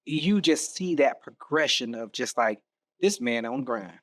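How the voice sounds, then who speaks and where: A man's voice: medium pitch, expressive, measured pace, fairly bright tone. A man hosting a podcast, casual and slangy, cheering his guest on. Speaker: podcast host.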